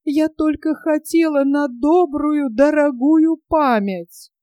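A half-mad old woman whines and wails in a plaintive, spiteful voice for this storybook scene, as a woman puts her on. The voice is high with a soft, mellow tone and a dry sound. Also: slow, no room sound. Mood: wailing. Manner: whining, plaintive.

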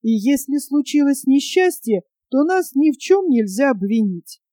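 A woman plays a boastful little magpie in a storybook reading, chattering in a quick, high-set voice. Her tone is mellow and dark, and the sound is close and dry. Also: very animated, no room sound. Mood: defensive. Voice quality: rapid, chattering.

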